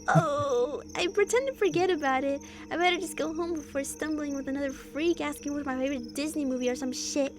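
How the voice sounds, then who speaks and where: A woman's voice: high voice, brisk, music in the background. A young woman streamer reading a story game aloud, playful and laughing between lines.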